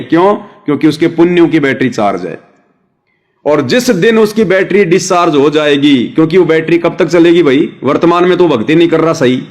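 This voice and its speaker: Man preaching in plain Hindi. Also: a little high. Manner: explains with everyday examples, addresses listeners as brothers and sisters. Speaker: devotional speaker. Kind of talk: sermon.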